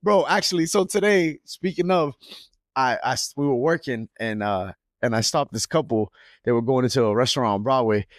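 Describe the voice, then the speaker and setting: A man's voice: mid-range voice, a little fast, no room sound, studio quality. A young man co-hosting a podcast, telling a story in casual chat full of slang and restarts. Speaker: podcast co-host. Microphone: podcast mic.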